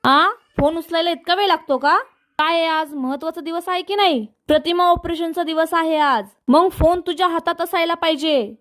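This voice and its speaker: A woman's voice: extremely high pitch, moderate pace, a bit bright, voice pushed up. A woman narrator reading the lines of an impatient, bossy male villain, in a plain quoted delivery.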